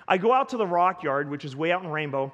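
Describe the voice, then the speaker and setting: A man preaching as a pastor, telling a story in an animated way with stumbles and repeated words. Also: a little high, fast talker, lo-fi sound. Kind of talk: storytelling sermon. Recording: long hall reverb.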